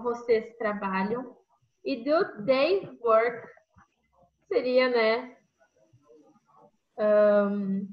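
A woman with a Brazilian Portuguese accent teaching an online English class, explaining patiently step by step and checking in with tag questions over a video call. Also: on the high side. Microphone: computer microphone on a video call. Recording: echoey, muffled video call audio.

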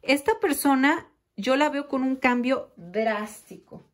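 Brief: woman tarot reader, fairly high voice, slow, intimate, emphatic. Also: lively intonation. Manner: addresses listener as "corazón", slow and emphatic. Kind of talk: intimate direct-to-camera tarot reading.

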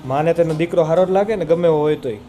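Chatty young family vlogger. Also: male voice, a little high, fast talker, dark tone, a little hiss or hum. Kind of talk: casual vlog narration.

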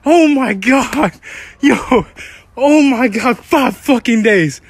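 A man in a casual vlog, overwhelmed with excitement and repeating himself. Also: very high voice, slow, husky, no room sound.

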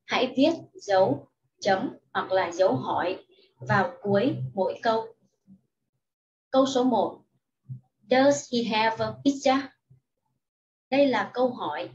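Cô giáo giảng chậm rãi, giọng hơi cao. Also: female voice, a little high, far from the mic, highs cut off. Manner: patient, explains each sentence in Vietnamese after English. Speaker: primary school English teacher. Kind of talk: slow, careful lesson for young children.

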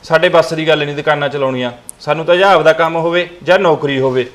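A young man talks fast and a little high, fed up and frustrated. He sounds worn down by his troubles. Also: fairly bright tone. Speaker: husband in a family skit.

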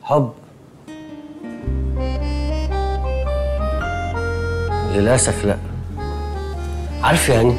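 An actor with an Egyptian accent playing a naive, gentle young man who rambles and whines in panic, in a TV sitcom. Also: medium pitch, moderate pace, over music, close to an everyday voice. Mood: wistful. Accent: Egyptian Arabic. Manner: rambling, then panicky and whiny. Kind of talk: TV sitcom acting.

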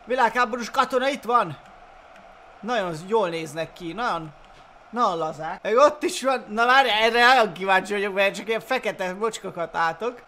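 A young man giving excited gameplay commentary, often laughing and exclaiming. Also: high-pitched, a little hiss or hum. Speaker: gaming YouTuber.

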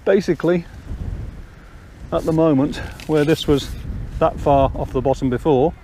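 An older man who hosts a fishing channel stands on a riverbank outdoors, casually walking through the fishing steps one by one. His fairly high voice is warm and moves at a moderate pace, with slight background noise.

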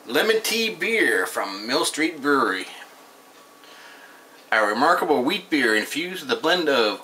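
Seated at a table indoors in a small home room, a thirties-aged man rambles offhandedly through a casual beer review, reading the label aloud, picked up by the camera's microphone. His voice is fairly high, pushed and bright. Audio quality is poor, with a little hiss or hum.

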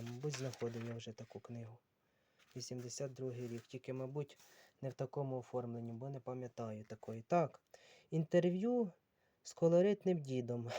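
A man sorting old books on camera, unhurried and musing as he reads titles aloud. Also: mid-range voice, mellow, slight background noise. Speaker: book collector vlogger. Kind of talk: casual talk while sorting books.

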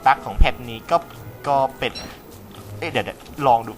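A man's voice: medium pitch, expressive, a little fast. A young man casually commenting as he plays a game, chatty with viewers, swearing freely and talking with a slight cold. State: has a cold. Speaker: gaming commentator. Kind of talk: casual let's play commentary. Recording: faint game music behind.

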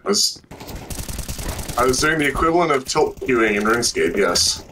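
A man's voice: mid-range voice, big pitch swings, normal speed, pushed and bright, slight background noise. Young man echoing as if in a tunnel. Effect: echoing sound, like a tunnel or huge room. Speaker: gamer in the Air Force Guard. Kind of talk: casual gaming chat. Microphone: webcam mic.

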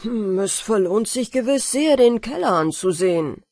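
A woman voicing a cheeky, bold young fisherman in a storybook reading, louder and eager. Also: mid-range voice, animated, normal speed, no echo, clean studio sound.

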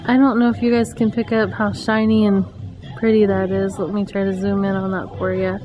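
The voice is mid-range, warm and brisk with a level tone, recorded poorly over soft background music. It's a middle-aged vlogger gushing over cute items in a home decor store, chatting as she films on a handheld camera.

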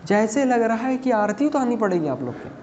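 Quizzing students and drilling pronunciation, this teacher of spoken English and interview skills blends Hindi and English in his lecture. His voice sits high, sing-song and a little mellow, moving fairly quickly. The audio is dull, with classroom echo and a faint hum.

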